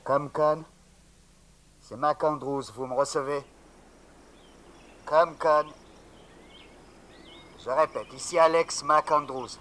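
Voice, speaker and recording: A man's voice: fairly high pitch, fairly even intonation, slow pace, long pauses, sharp tone, a little hiss or hum. An actor playing an officer who keeps radioing base over a link that is cutting out, repeating his call sign. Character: lone male officer radioing base, steady under strain. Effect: radio calls into a dead, cutting-out link. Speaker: officer on a mission. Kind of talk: dubbed TV drama acting.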